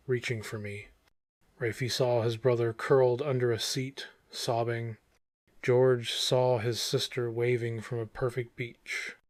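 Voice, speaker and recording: A man's voice: medium pitch, no echo. A man narrating a scripted horror story in the manner of a vintage horror narrator, in short, suspenseful phrases.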